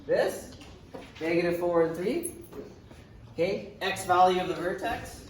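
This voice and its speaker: A man with a high-sitting, slightly slow voice gives a math lecture to a class, chatty and relaxed, musing aloud while writing and tossing off dry sarcastic remarks. He's far from the mic in a very echoey room, with a faint hiss beneath.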